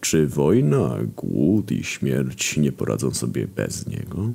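A man voicing an ancient male God, a cold judge speaking slowly and gravely. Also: rumbling low, very animated, dark tone, heavily acted. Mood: solemn. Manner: slow, grave, solemn delivery.

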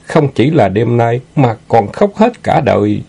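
A man's voice: mid-range voice, very animated, a little slow, vocal fry, mellow, husky, pitched above the performer's own voice, full character voice. A man voicing a hot-tempered young male hero in an audiobook, fierce and threatening. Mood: furious.

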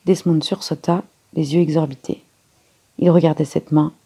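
A woman reading a detective novel aloud in a measured, even storybook narration. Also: deep voice, gravelly, slightly rough. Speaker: reader.

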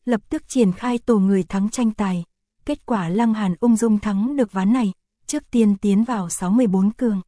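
A woman reading a fantasy novel aloud as an audiobook narrator, in a steady, even storytelling style. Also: medium pitch, no room sound, clean studio sound. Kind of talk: scripted narration.

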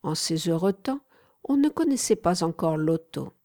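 A woman narrating an audiobook in a measured, clear reading voice. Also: on the low side, lively intonation, dark tone.

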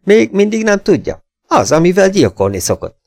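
A man voicing a cocky, mocking male legionnaire who taunts calmly in a raised voice. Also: high voice, vocal fry, no room sound, pitched above the performer's own voice, full character voice. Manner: smug, teasing, calm.

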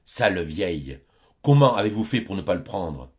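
A man voicing a gruff peasant farmer who shouts orders, in a dull lo-fi audiobook recording. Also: low-pitched, big pitch swings, moderate pace. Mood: scolding. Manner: bellowing orders.

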